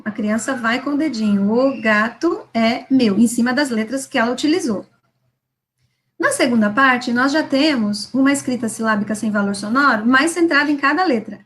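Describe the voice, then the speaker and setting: A woman with a Brazilian Portuguese accent lecturing on children's literacy over example slides, slowing down to sound out words syllable by syllable. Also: high-pitched, fairly bright tone, a little hiss or hum. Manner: slows and stretches words to model a child reading syllable by syllable; didactic, with frequent "né?" tags and restarts. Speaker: literacy educator.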